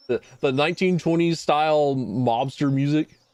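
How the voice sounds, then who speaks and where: A man's voice: a little high, a little mellow, no room sound. A young man streaming live, chatting casually in a rambling, self-deprecating way and swearing freely. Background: faint music.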